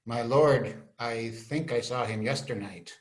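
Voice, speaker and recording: An amateur male actor with a natural, mid-range voice reads the part of an earnest young scholar who is a prince's loyal friend. He delivers the Shakespearean verse measuredly and respectfully, like a staged reading, from indoors over a video call.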